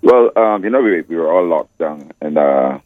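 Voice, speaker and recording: An older man with a very low, deep morning voice, calling in as a guest on a radio show. He rambles through his story and restarts often. The call sounds dull and dry, as if it came over a phone line. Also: animated, moderate pace, no room sound, soft background music. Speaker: guest musician.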